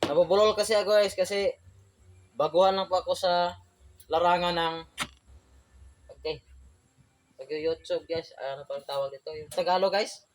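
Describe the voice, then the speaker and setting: Young electrician guy from the provinces, talks kinda high, chatty on-the-job tutorial, says guys every line. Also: steady tone, normal speed, long pauses, a little hiss or hum. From Philippines, outside Manila. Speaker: electrician vlogger.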